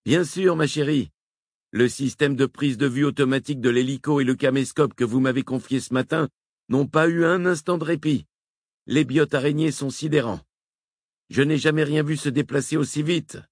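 A man reading a novel aloud, voicing an excitable male engineer reporting over the radio. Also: on the high side, normal speed, no echo, clean studio sound, pitched above the performer's own voice. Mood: excited.

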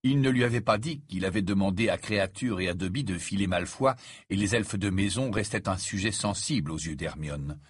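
A man narrating an audiobook with an expressive, measured reading. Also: sits low, breathy edge, dry recording, studio quality. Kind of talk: scripted narration.

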